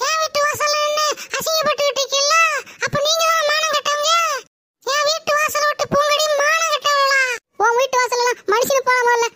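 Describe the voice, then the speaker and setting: A woman voicing a combative, sharp-tongued young village wife with a Tirunelveli Tamil accent, shouting insults. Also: extremely high pitch, steady tone, fairly quick, dry recording, clean studio sound. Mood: angry.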